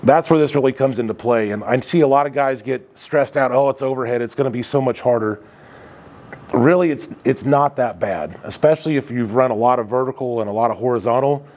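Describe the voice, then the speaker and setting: Relaxed male welding instructor. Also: medium pitch, brisk. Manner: relaxed, conversational, with frequent fillers. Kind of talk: casual shop demonstration. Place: indoor welding shop.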